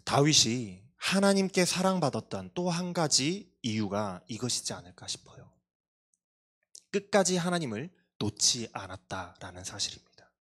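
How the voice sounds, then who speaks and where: A male pastor giving a sermon to a youth congregation, earnest and confessional, with self-deprecating asides. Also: mid-range voice. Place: church.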